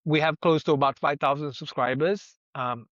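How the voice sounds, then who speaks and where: A young Sri Lankan man whose first language is Sinhala speaks in a high-leaning, slightly bright voice with fairly even intonation at normal speed. As a guest in a conversational interview, he's earnest and reflective, thinking aloud through rhetorical questions, and the recording is dull, dry, and lo-fi with no echo.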